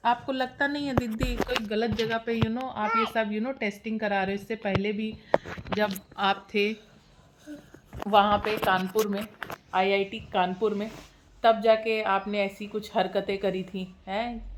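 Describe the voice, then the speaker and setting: A woman's voice: mid-range voice, background noise. A woman, running a teasing, sarcastic gossip commentary as a reaction vlogger.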